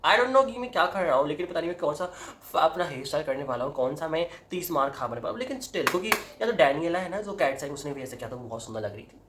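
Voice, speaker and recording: Here the young man is expressive and quick, with few pauses, his voice slightly high and fairly bright. He's a vlogger trimming his own hair at home and talking casually to camera in mixed Hindi and English, breaking into dramatic yelps and laughter. A spacious, echoey room and slight hiss or hum color the recording.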